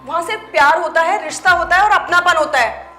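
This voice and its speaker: An actress plays a principled office boss who indignantly and firmly scolds her staff, reproaching them in defense of her husband. Her voice is extremely high, quick, bright, and forceful, in an echoey room with faint music.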